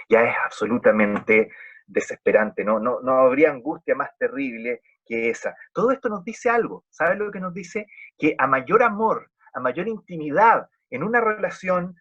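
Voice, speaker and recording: A male preacher with a Chilean accent delivers an earnest, emphatic sermon. His voice is husky and sits in a middle pitch, and he leans on dramatic pauses. The recording is dull and lo-fi. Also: fairly bright tone. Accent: Chilean Spanish.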